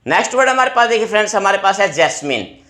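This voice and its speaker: A male teacher explaining vocabulary words to exam students, repeating each word slowly. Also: high-pitched, very animated, sharp tone.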